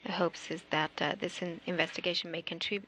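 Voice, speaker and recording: A woman working as a mission control commentator, giving measured, formal live broadcast narration. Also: fairly low pitch, fairly even intonation, pushed and bright, slight background noise. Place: space station flight control room.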